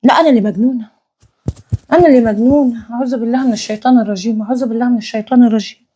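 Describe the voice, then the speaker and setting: A woman's voice: fairly high pitch, very fast, warm tone, a little hiss or hum, close to an everyday voice. A woman playing an exasperated middle-aged mother with an Egyptian accent, exclaiming and reciting protective prayers. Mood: pleading. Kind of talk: acted comedy drama.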